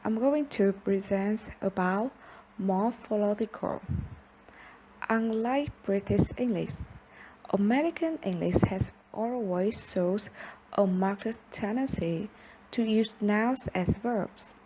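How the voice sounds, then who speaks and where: A young woman, a native Vietnamese speaker, giving a class presentation and reading out word lists slowly and carefully. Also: medium pitch, dark tone, slight background noise. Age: young adult. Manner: slow, careful reading with pauses between listed words. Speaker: student presenter.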